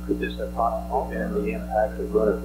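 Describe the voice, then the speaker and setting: A man asking questions as a reporter at a press conference, formal and a little halting. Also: on the low side, flat delivery. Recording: noisy archival audio with mains hum.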